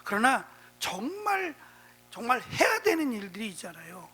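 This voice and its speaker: A man's voice: very high-pitched, wildly swooping pitch, normal speed, pushed and bright, breathy edge. A male pastor preaching a Bible exposition sermon in a conversational way, often checking in with the congregation through rhetorical prompts.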